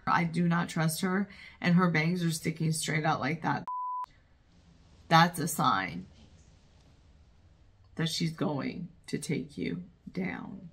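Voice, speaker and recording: A woman hosting a movie reaction, talking casually with loud, excitable outbursts and plenty of swearing. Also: low voice, slow pace, long pauses, breathy edge.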